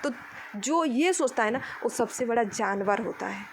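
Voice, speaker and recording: A woman's voice: fairly high pitch, animated, unhurried, a little hiss or hum, low-quality recording. A young woman from Odisha, talking outdoors to the camera in an impassioned vlog, indignant and scolding as she preaches to her critics. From Odisha, India. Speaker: vlogger.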